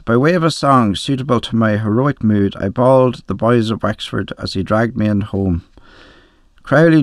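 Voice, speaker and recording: A man reading a short story aloud, narrating with measured, expressive first-person storytelling. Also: lowish voice, no room sound, studio quality. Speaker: reader.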